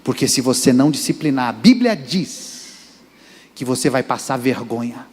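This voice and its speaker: A man preaches in Brazilian Portuguese as pastor, emphatic and talking straight to the congregation. His medium-pitched voice is animated, a little mellow, and husky, moving at a moderate pace, and the sanctuary's reverb colors the recording.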